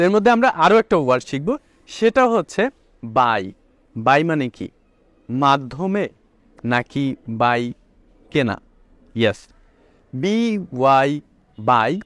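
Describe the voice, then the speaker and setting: A man's voice: mid-range voice, very animated, a bit bright, dry recording. Man teaching English words in a dry room. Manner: explains slowly, repeats points, asks then answers himself. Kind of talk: video lesson explaining English words in Bengali.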